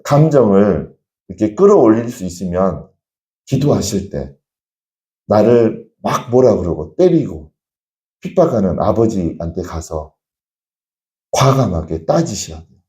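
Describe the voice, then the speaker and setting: A man's voice: fairly low pitch, big pitch swings, measured pace, mellow, reverberant. A male pastor preaching an emphatic sermon at a church prayer meeting, urging the congregation on.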